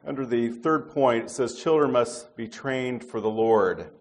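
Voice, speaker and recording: Here a middle-aged man at medium pitch gives a sermon in a talky way, with filler-filled pauses and sentences he starts over.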